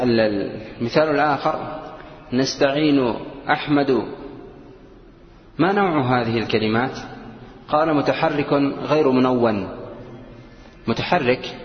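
A man teaching a lesson in a slow, explanatory way, asking and answering his own questions and chanting the verses he uses as examples. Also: medium pitch. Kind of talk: Quran recitation rules lesson. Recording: dull, roomy echo with long reverb.

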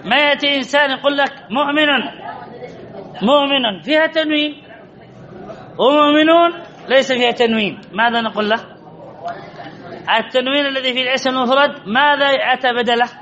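Man, grammar teacher, classroom lesson, very high pitch, drills and teases, lo-fi recording. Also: a little fast, pauses often, bright, forceful tone, a faint crowd. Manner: questions students by name, teasing, repetitive drilling. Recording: dull lo-fi recording.

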